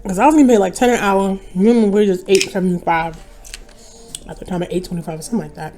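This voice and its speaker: A young woman talking casually while she eats on camera, easygoing and rambling, her voice sitting at an ordinary middle pitch. A faint noise hums behind her, with small clicks here and there. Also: fast, dark tone. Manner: rambling, chatty, addresses viewers as y'all. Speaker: mukbang vlogger. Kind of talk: casual chat while eating.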